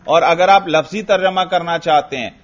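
A man gives a grammar lesson, firing short questions at his class and answering them himself. His voice sits a little high, and the recording sounds dull and lo-fi. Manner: questions students and answers himself, drills step by step. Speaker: Arabic grammar teacher.

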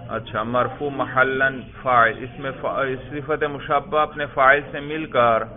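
A man's voice: medium pitch, steady tone. A man teaching an Arabic grammar lesson, quizzing a student, repeating the answers back and praising them. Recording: tinny phone-like lo-fi audio.

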